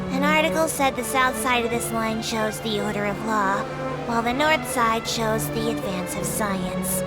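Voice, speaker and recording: A woman voices a small creature who works as a tour guide in a video game, using her natural, highish voice. Her delivery is formal and courteous, giving announcements in precise, scripted phrases with a dry, matter-of-fact edge, while loud music plays underneath.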